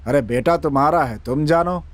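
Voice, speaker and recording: A man's voice: fairly high pitch, moderate pace, no echo, natural voice. An actor playing an irritable, short-tempered village man who scolds in an exasperated way, in a Hindi film dub. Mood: grumbling.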